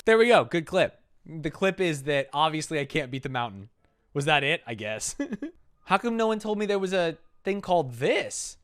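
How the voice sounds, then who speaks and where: A man's voice: fairly high pitch, big pitch swings, normal speed, clean tone. An American man bantering casually as a podcast co-host, brash, profane and mock-boastful. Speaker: podcast co-host, content creator.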